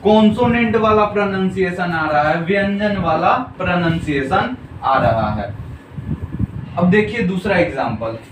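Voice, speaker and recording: A male teacher with a high, animated voice gives a grammar lecture at an unhurried pace, drilling students with repeated questions and coaxing answers. The audio is noisy and echoey, captured far from the mic.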